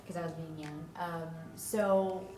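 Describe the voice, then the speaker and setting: A young woman interviewing her parents in a relaxed way, laughing easily. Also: on the low side, a little slow, music in the background. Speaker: interviewer, their child. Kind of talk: candid family interview. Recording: roomy, distant mic with faint hiss.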